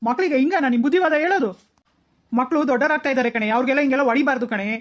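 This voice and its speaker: A woman voicing a middle-aged cartoon father who calmly lectures his wife and daughters. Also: sits high, racing, natural voice. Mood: lecturing. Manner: lecturing, reasoning.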